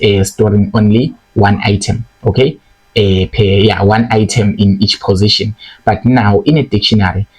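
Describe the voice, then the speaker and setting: Young male coding tutor, lowish voice, patient step-by-step delivery with frequent check-ins. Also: a little mellow, poor audio. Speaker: programming tutor. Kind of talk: screen-recorded coding lesson.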